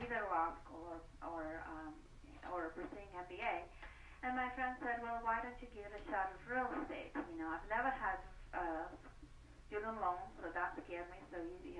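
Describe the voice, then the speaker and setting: Woman guest, stuffy from a cold, halting with fillers; roomy, far-off sound. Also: medium pitch, a bit bright, slight background noise. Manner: hesitant, many fillers. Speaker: guest broker. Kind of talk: phone-in interview. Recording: distant echoey phone call.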